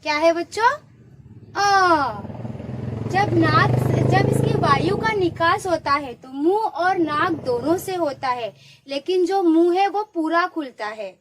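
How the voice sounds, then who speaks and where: A woman's voice: very high voice, a little slow, noisy background. A woman teaching young children, coaxing them to repeat sounds after her and praising each answer. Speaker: primary school teacher. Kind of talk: online lesson for young children.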